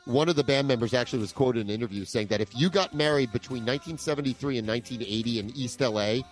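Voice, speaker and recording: A man with a mid-range voice talks at a racing clip while co-hosting a music countdown podcast. He chats casually and trades bits of music trivia.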